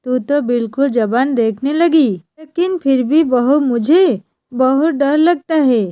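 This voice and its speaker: A woman's voice: sits high, slow pace, warm tone, dry recording, studio quality. A woman voicing a timid older aunty who speaks in a fretful way. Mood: fearful.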